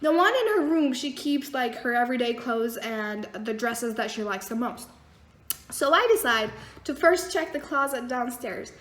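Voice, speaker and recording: High-voiced young woman in an echoey room. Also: moderate pace. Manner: animated, blunt, swears freely. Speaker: vlogger. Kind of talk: casual storytelling.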